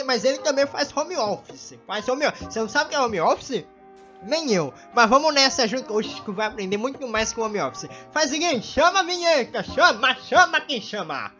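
A man's voice: very high voice, pushed and bright, muffled recording. A Brazilian man hosting a game, joking and teasing his viewers in playful commentary. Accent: Brazilian Portuguese. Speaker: gaming channel host. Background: music.

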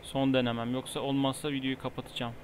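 A gamer with a medium-pitched, level voice gives quick, casual commentary as he plays, often muttering in frustration and exasperation. The recording is noisy, with game gunfire behind him.

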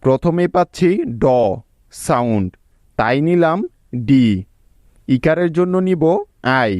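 A man's voice: fairly high pitch, lively intonation, slow, darkish tone, no echo, clean studio sound. A man teaching English spelling to students, breaking words into syllables and spelling them out letter by letter in a patient way. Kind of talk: spelling lesson.

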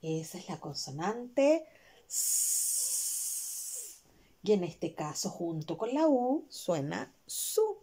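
A woman's voice: on the low side, very animated, slow pace, hardly any pauses, warm tone, a little hiss or hum. A young woman, a kindergarten teacher giving a video lesson to small children, drawing out each syllable and coaxing them with questions.

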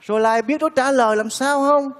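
A man's voice: very high voice, steady tone, fairly quick, in a large hall. An actor playing a kindly, lovesick man who pleads earnestly with a widow, speaking in a stage comedy sketch. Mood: pleading.

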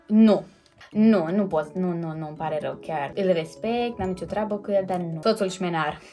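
A woman's voice: on the low side, dark tone. A young woman, chatting casually and hesitantly as the host of her own vlog. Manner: chatty and hesitant, many fillers and self-corrections. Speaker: YouTuber host. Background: background music.

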